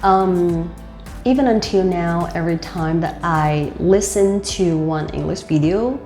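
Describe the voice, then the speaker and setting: Speaking at a measured pace in a fairly low, dark voice, this young Vietnamese-accented woman works as a host and life coach offering relaxed advice on speaking. Her delivery is loose and full of "like." Faint music plays in a roomy-sounding space.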